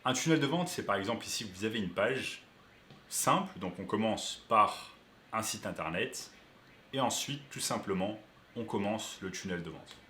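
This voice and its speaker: A man's voice: on the low side, expressive, moderate pace, bright, forceful tone, echoey room, a little hiss or hum. A man who coaches online business, explaining step by step to viewers during a screen-share tutorial.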